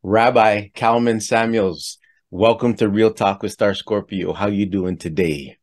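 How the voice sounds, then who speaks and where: A man's voice: fairly low pitch, fairly even intonation, a little slow. A man hosting a podcast interview, introducing his guest and asking questions in an earnest, friendly way. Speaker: podcast host. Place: home studio. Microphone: headset with studio mic.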